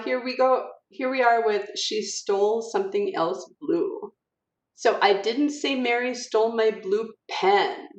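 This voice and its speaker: A woman teacher giving a recorded lecture in an informal, filler-heavy way, reading example sentences aloud to show word stress. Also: medium pitch. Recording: roomy, distant, dull audio.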